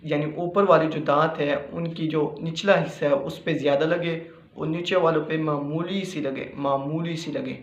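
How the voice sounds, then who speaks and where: A man's voice: on the high side, fairly even intonation, moderate pace. Patient man teaching letter sounds. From Pakistan. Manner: patient, repeats each point and sounds out letters. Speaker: Quran reading teacher. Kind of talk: slow spoken lesson with demonstrations. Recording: muffled echoey room recording.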